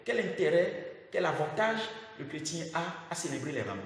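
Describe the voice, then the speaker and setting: A man's voice: fairly high pitch, big pitch swings, moderate pace, heavy reverb, big-room sound. A man hosting a religious talk program, asking questions and repeating his guest's key words. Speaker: host. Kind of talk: radio talk show hosting.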